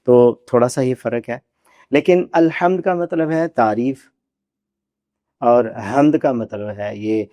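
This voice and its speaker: A man who teaches Quran recitation, explaining pronunciation patiently on a podcast and demonstrating each sound by repeating it slowly. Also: mid-range voice, mellow, no echo. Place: podcast studio.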